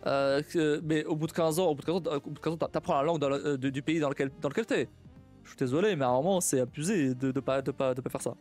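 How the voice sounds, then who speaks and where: Soft music plays in the background as this young man, from a Portuguese family, talks casually on a live stream. His voice is on the high side and a little mellow, and his speech is halting, full of repeats and restarts as he thinks aloud, with plenty of laughter.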